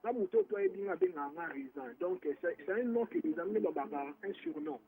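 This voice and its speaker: A man born in Morocco rings a radio show for a relaxed, rambling chat, often restarting and mixing in Lingala alongside French. Over the phone line, his high-pitched, gravelly voice is very animated and moves at normal speed.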